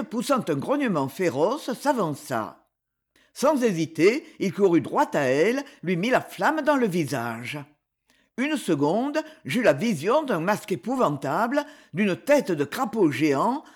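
A man narrating an adventure novel as an audiobook, in a measured, dramatic storytelling manner. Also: high-pitched, slightly rough.

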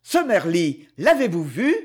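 A man reading aloud, voicing an excitable, triumphant male professor who calls out loudly. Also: high voice, measured pace, slightly rough, exaggerated voice. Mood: exultant. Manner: exultant, shouting.

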